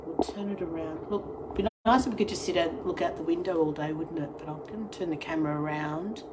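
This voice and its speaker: A fast-talking middle-aged Australian woman with a low-pitched voice, weakened by a cold, casually hosts a live cooking stream and greets each new viewer. She's an online tour and cooking class host. Recorded via her device camera, she begins on an outdoor deck amid wind and ambient noise and then moves into her home kitchen.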